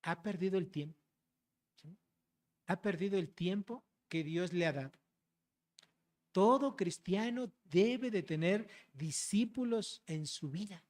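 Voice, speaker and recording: A pastor delivering an expository sermon to the congregation, explaining verses and addressing listeners as brothers and sisters. The delivery is direct, with frequent rhetorical questions and a checking tag after key points. The voice sits in a middle pitch. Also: slow pace, pauses often, darkish tone.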